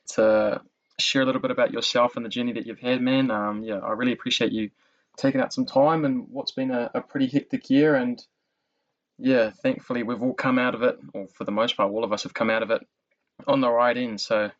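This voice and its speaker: Fast-talking man, broad Kiwi accent. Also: mid-range voice, fairly even intonation, lo-fi sound. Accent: broad New Zealand. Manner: matey and slangy, peppered with bro and man. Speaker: podcast host. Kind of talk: casual interview chat.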